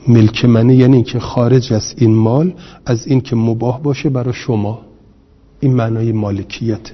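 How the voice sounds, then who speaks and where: A man lectures on grammar in a husky, breathy voice, drawing out words and saying them over and over for his class. The recording is dull and lo-fi. It rings with a long reverb. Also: mid-range voice, steady tone. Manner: explains slowly, repeating words and spelling out vowels. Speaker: teacher.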